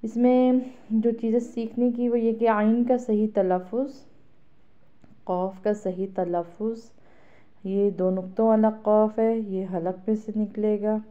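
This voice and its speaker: A Pakistani woman teaches Quran reading with a Pakistani Urdu accent, stretching each letter in a slow, loud drill before explaining quickly and softly. Her voice sits at an ordinary middle pitch for a woman. The audio is thin and tinny, like a phone line. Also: little pitch movement. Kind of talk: slow syllable-by-syllable spelling drill, then explanation.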